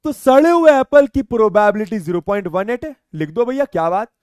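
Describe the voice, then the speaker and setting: A man's voice: sits high, lively intonation, brisk, smooth, no echo, clean studio sound. A man teaching maths in a live online class, joking and teasing his students and mixing in English phrases.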